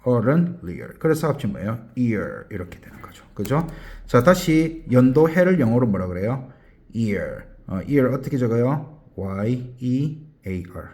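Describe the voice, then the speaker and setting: Slow, lively-pitched male English teacher drilling. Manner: repetitive question-and-answer drilling, spells words out letter by letter slowly; calls himself teacher, prompts with quick questions. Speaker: English teacher at a language academy. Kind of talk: classroom drill lesson.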